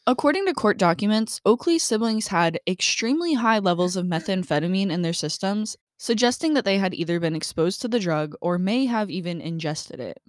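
A woman's voice: mid-range voice, lively intonation, brisk, hardly any pauses, dry recording, clean studio sound. A young adult woman co-hosting a true crime podcast, reading case details and venting bluntly with swearing. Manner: reads case facts then vents bluntly with swearing. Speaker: podcast co-host.

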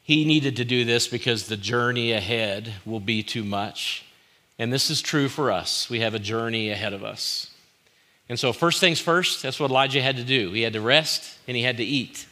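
A man's voice: mid-range voice, moderate pace, pushed and bright. A male pastor preaching a sermon in short, repeated phrases for emphasis, with informal asides.

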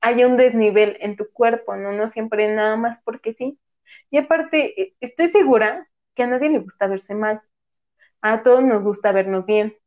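A woman with a fairly high, slightly mellow voice chats casually at a moderate pace, frequently ending her sentences with "¿sabes?". The lo-fi recording sounds a little dull.

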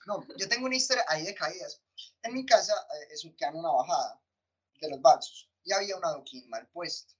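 A man's voice: fairly high pitch, a little fast, slightly rough, lo-fi sound. A young man with a Colombian accent, a podcast co-host telling anecdotes in casual chat and swearing freely. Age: young adult. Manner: lively storyteller, swears casually.

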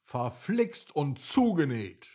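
A man voicing a gentle, good-hearted male dragon who exclaims loudly and talks kindly, in a children's bedtime story. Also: lowish voice, lively intonation, measured pace, husky. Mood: exasperated.

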